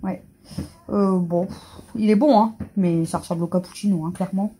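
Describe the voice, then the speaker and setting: A family vlogger chats casually at home, unboxing her shopping, listing the items aloud, and cooing at her pets in a sing-song voice. She speaks at a normal speed in a medium-pitched voice, with a steady, dark tone and a breathy edge.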